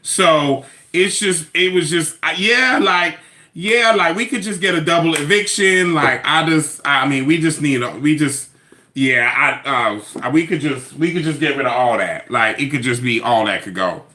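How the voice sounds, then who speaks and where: A man gives sassy, animated commentary on a reality show, repeating phrases for effect. His voice sits fairly high, with a bright, forceful edge. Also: normal speed. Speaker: reality TV recap vlogger. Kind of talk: casual opinionated commentary.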